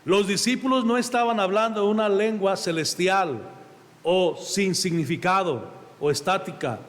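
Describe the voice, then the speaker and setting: A man's voice: sits high, a little slow, in a large hall. A man with a Mexican accent, a pastor preaching a sermon in a conversational way and often calling the congregation "brother". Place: church.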